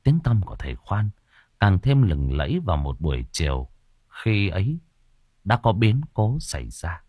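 A man narrating a folk story for an audiobook in an expressive, dramatic manner, recorded close to the mic. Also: deep voice, normal speed, breathy edge, dry recording.

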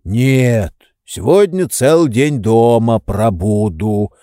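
A man voicing a lazy old manservant who grumbles and makes excuses in a low, indifferent tone. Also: slow, dark tone, dry recording, studio quality, lightly acted.

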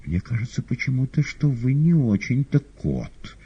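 A man voicing a timid, shaken male writer in an audiobook, hesitant and soft. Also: low-pitched, big pitch swings, normal speed, breathy edge, voice pushed up, heavily acted. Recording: dull lo-fi audio.

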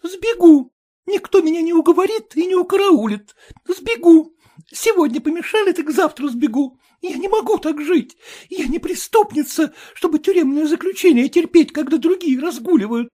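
Shrill sobbing young wife. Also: female voice, expressive, moderate pace, mellow. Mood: hysterical. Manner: sobbing, accusing, high-strung. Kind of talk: audiobook reading.

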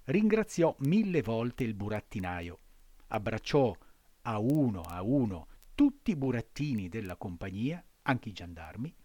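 A man narrating a classic storybook aloud, slow and expressive. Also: medium pitch, dry recording. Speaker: audiobook reader.

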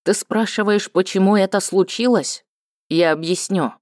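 A woman's voice: normal speed, darkish tone, dry recording, clean studio sound, lightly acted. A woman reading an audiobook voices a bitter, vengeful male cat-folk lord who speaks coldly with hatred. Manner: cold, low and hissing with hatred.

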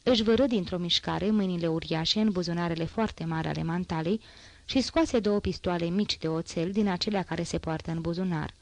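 A woman reading a classic novel aloud in an even, measured narration. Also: lowish voice, no room sound, low-quality recording. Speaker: audiobook reader.

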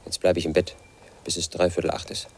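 Speaking fairly quickly in a deep, creaky, husky monotone, the lead actor of a radio play fully inhabits his character: a paranoid, lonely man of 38. In this brooding monologue he confides pedantically, fixated on codes and statistics.

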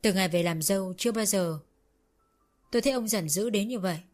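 Female storyteller, steady first-person narration. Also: mid-range voice, a little fast, faint music behind.

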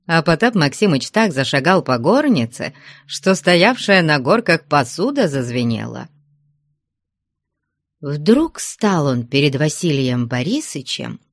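A male narrator reads a classic novel in a calm, measured way, letting each phrase land slowly. The recording is dry and close to the mic, with no room around it. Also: on the high side, no echo. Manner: measured storytelling. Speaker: audiobook narrator. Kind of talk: scripted narration.

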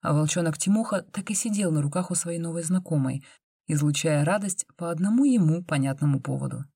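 A woman narrating an audiobook in an even, measured way. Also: deep voice, gravelly, slightly rough, no room sound, clean studio sound. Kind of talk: audiobook reading.

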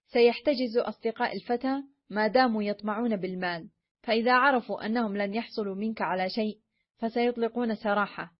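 A woman's voice: on the high side, fast, close to an everyday voice. A woman reading a sly, cunning adventurer man. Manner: sly, pressing. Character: cunning male Highland adventurer, bold and sly. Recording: dull lo-fi recording.

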